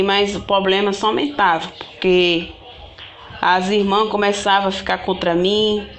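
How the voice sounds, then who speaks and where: A woman's voice: medium pitch, fairly bright tone, slight background noise. A woman telling her own story to viewers in a rambling, repetitive way, often restarting and speaking to them directly. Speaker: vlogger. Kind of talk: casual personal storytelling to viewers.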